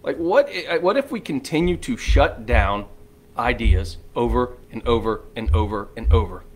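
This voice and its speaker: A man's voice: mid-range voice, normal speed. Opinionated man in casual chat. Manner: emphatic, opinionated, animated storytelling. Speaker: podcast co-host.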